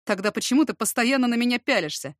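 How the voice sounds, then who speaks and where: A woman's voice: on the high side, expressive, fast, no echo, clean studio sound, natural voice. A woman voicing a drunk, cocky young man who taunts with a mocking drawl. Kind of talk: audiobook character reading.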